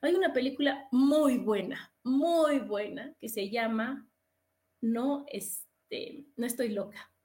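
A woman hosting a podcast, talking casually about self-acceptance in an expressive way, acting out little dialogues and repeating herself for emphasis. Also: on the high side, slow pace. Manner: expressive, repetitive, acts out quoted dialogue. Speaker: podcast host. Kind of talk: casual self-help talk.

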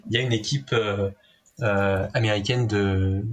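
Husky man explaining earnestly. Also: on the low side, fairly even intonation, unhurried. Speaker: podcast columnist. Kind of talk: casual podcast explanation.

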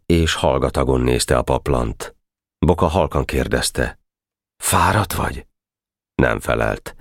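A man reading an audiobook with expressive storytelling, slowing down for quiet moments. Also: rumbling low, dry recording, studio quality. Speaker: audiobook narrator. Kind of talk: scripted audiobook narration.

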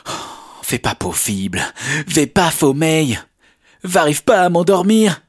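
A man's voice: fairly high pitch, big pitch swings, slow, no room sound, studio quality, exaggerated voice. A man voicing a restless little vampire boy, plaintive and lisping. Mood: whiny, frustrated. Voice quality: lisping, turns sounds into f.

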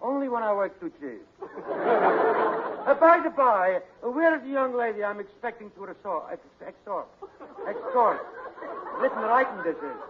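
Hammy fake Russian prince, high lively voice, old radio broadcast, roaring audience. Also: male voice, moderate pace, pauses often, phone-quality sound, a loud crowd. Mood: dry. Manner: florid, theatrical courtly flattery. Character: grandiose mock Russian prince, a hired male escort. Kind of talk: 1940s radio comedy acting.

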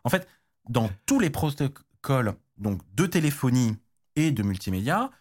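A man's voice: mid-range voice, sing-song, moderate pace, a little mellow. A man explaining technical standards in casual chat, slangy, with many restarts and fillers. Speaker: tech guest expert.

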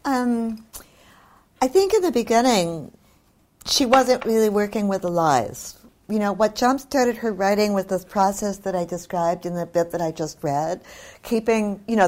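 An older woman from New Zealand speaks at a middle pitch as an author in discussion. She is candid and discursive, leaning on key words in a conversational way. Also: a little mellow.

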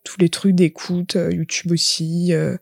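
A young woman, a musician guest on a podcast, talking in a relaxed, reflective way with many fillers and restarts. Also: lowish voice, measured pace, gravelly, no echo, studio quality. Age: young adult. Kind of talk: casual chat.

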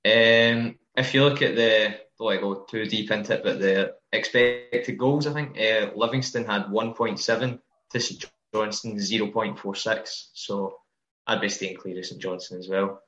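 A man co-hosting a casual fantasy football podcast, relaxed and hedging his picks. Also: lowish voice, moderate pace. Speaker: podcast co-host. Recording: roomy, dull lo-fi audio.

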